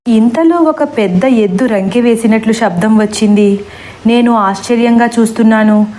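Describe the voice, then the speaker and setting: A woman storyteller narrating a horror story in the first person with a steady, even reading. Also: fairly high pitch, moderate pace.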